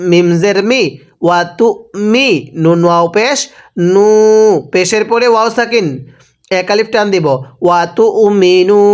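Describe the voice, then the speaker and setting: Slow, high-voiced man teaching Quran reading. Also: clear, resonant tone. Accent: Bangladeshi Bengali. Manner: spells letters syllable by syllable, then recites slowly and draws out the words. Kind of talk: spelled-out recitation lesson.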